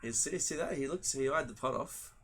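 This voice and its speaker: A man doing relaxed pool commentary, agreeable and repeating his words as he follows play. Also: mid-range voice, brisk, a little hiss or hum. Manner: easygoing, agreeable, repeats himself.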